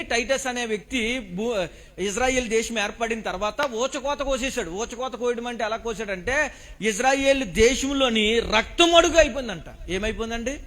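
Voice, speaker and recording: A male preacher giving a sermon, who keeps firing questions at the congregation and urging them to answer loudly. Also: extremely high pitch. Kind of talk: Telugu sermon with call-and-response questions to the congregation.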